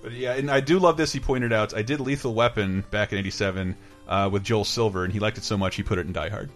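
A man's voice: fairly low pitch, steady tone, quick pace, soft background music. A man hosting a podcast in casual chat, rambling and enthusiastic, swearing freely. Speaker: podcast host.

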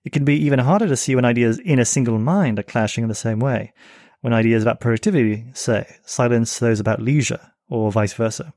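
A man puts on a British accent to read an essay aloud, steady and deliberate. The voice sits at an ordinary male pitch. It is recorded dry and close. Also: dry recording, lightly acted. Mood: measured. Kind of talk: reading aloud from own essay.

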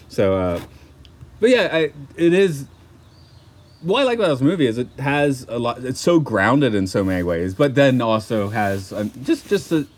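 A man in casual conversation who meanders through his thoughts, laughs easily and drops the odd swear word. His voice sits at an ordinary middle pitch, relaxed and unpolished. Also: unhurried, long pauses. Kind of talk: casual chat about a film.

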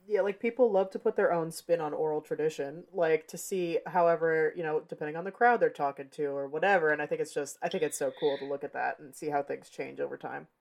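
A young American woman chatting on a podcast in a relaxed, lively way. Her voice sits a little low, and she laughs easily and swears casually. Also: quick pace, creaky, few pauses. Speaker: podcast co-host.

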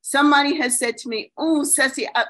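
A woman's voice: high-pitched, steady tone, brisk, fairly bright tone, low-quality recording. A woman playwright, a guest in a casual discussion, who asks pointed, provocative questions.

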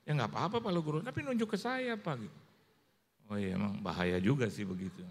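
Animated male pastor in an echoing church. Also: mid-range voice, fast. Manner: animated, humorous storytelling with acted-out voices. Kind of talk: sermon. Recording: long church hall reverb.

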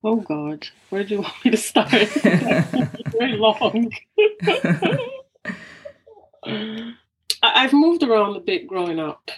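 A psychotherapist from Angola speaks as a guest in a conversational interview, her mid-range voice swinging widely in pitch as she reflects slowly, pausing often, restarting, and laughing softly. Crowd noise fills the background of the low-quality recording.

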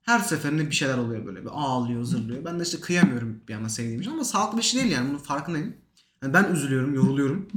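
Young man guest, tells his story fast with lively swings in pitch, roomy echo. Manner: animated, emotional retelling with quoted dialogue. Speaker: podcast guest. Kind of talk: casual storytelling. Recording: echoey room.

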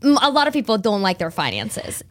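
A woman in her thirties, a financial advisor who is a guest on a chat show, with a mid-range voice. She talks in an upbeat, relaxed way and laughs easily as she answers. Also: medium pitch, fairly quick. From Spain. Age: 30s. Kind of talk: casual interview chat.

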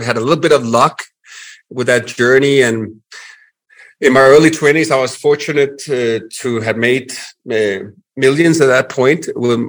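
A man in his forties from Denmark with a Danish accent, a guest telling his life story in a relaxed interview, with many pauses and restarts. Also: mid-range voice. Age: 40s. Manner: frequent fillers and restarts, reflective.

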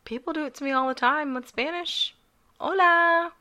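A woman's voice: high voice, brisk, background noise. A woman with an American accent co-hosting a podcast in casual chat, chiming in playfully. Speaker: podcast co-host.

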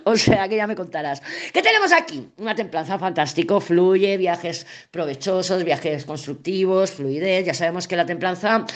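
A woman's voice: on the low side, lively intonation, normal speed, few pauses. A woman giving a casual daily tarot reading, talking straight to the listener, chatty and blunt, stumbling over words and laughing at herself. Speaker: tarot reader.

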